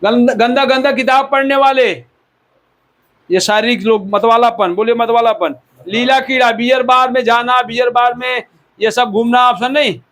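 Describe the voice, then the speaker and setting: Indian pastor guy giving a sermon, really high voice, keeps repeating stuff to drive it home. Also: steady tone, normal speed, a bit bright. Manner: exhorting, repeats key words with "बोले" and "sir".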